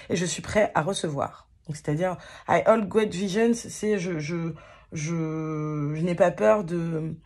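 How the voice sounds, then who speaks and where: Hesitant low-voiced woman reading tarot cards. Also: a little mellow, breathy edge. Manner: hesitant, many fillers and restarts, self-deprecating. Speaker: tarot card reader. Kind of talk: casual tarot guidance to viewers.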